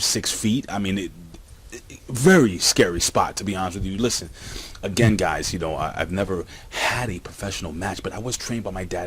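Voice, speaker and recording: A man casually reviewing a wrestling show for his viewers, rambling and excitable, talking straight to the camera. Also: deep voice, breathy edge.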